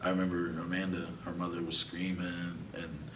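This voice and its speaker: Deep-voiced thirty-year-old man, far and echoey. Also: normal speed. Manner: animated, repeating himself. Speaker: interviewee. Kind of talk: documentary interview. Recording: roomy, distant and noisy.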